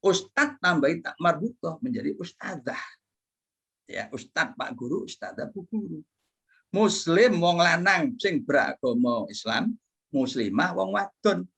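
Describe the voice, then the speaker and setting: Male professor, middle-aged; husky, very lively delivery, playful classroom lecturer. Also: fairly high pitch, measured pace. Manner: animated and playful, asks and answers his own questions; drops in Arabic terms and Javanese phrases.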